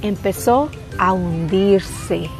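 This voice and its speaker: A woman teaching a children's Bible class outdoors by a lake, telling the story in an animated way and often checking in with the kids. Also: mid-range voice, drawn-out words, soft background music. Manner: animated, frequent tag questions to the kids.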